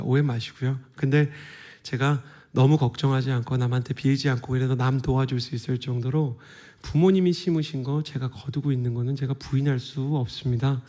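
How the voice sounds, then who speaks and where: A man in his thirties, a guest pastor giving a revival sermon in a church, earnest and conversational with soft whispered asides. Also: mid-range voice. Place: church sanctuary.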